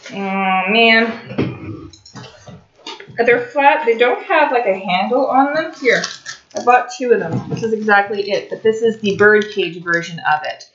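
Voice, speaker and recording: In a slightly raspy, fairly bright mid-range voice, an unhurried woman in her forties chats about her craft journal pages, rambling with lots of fillers. She's a craft and tarot vlogger filming in her dining room by a china cabinet on a desk webcam. The audio is slightly dull and lo-fi, with a little hiss or hum.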